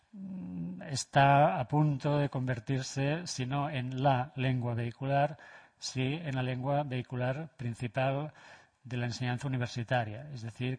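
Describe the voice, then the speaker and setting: Male lecturer, mid pitch, measured delivery with many pauses and filler sounds. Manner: measured, with frequent hesitations. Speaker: lecturer presenting a paper. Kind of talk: academic presentation.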